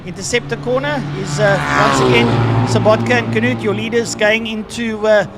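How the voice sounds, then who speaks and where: Male motorsport commentator, high-pitched, halting live race calls, very loud engine noise behind. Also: gravelly. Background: motorcycles and vehicle noise.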